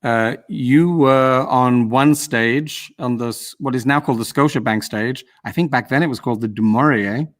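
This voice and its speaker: A man from the UK hosts a casual interview over a video call. He talks in a chatty, rambling way, circling back on his questions and teasing his guest now and then. His voice sits at an ordinary middle pitch. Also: normal speed, few pauses. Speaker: host.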